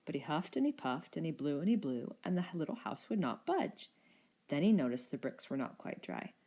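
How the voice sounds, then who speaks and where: Speaking at normal speed, a woman with a fairly low voice reads a children's tale from a script. She narrates expressively, as a storyteller for young listeners.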